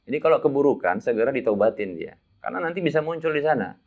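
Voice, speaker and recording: A man of middle pitch leads a religious lesson for pilgrims in a lively, chatty way. His voice rises and falls freely as he chuckles through his anecdotes. The recording is somewhat dull and lo-fi. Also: fast, gravelly. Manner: lively, chatty, laughs at his own stories. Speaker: umrah guide teaching pilgrims. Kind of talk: religious instruction talk. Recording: dull lo-fi sound.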